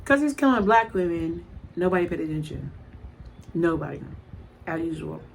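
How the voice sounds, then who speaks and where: Low-voiced middle-aged woman, noisy recording. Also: normal speed. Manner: blunt, emphatic storytelling with repetition. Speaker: mukbang vlogger. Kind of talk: casual, rambling chat to camera. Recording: clearly noisy home recording.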